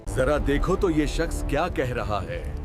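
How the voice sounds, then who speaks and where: Guy voicing a sneering tyrant king, high-ish voice, bossy and mocking. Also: big pitch swings, creaky, music in the background. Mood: scornful. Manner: scornful, commanding. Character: arrogant mocking tyrant king, adult man.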